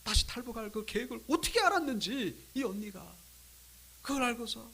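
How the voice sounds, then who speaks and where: Male pastor, dramatic sermon storyteller, bright, forceful delivery. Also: extremely high pitch, big pitch swings, fairly quick, vocal fry, slightly rough. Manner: dramatic storyteller, swinging from loud to hushed. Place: church sanctuary.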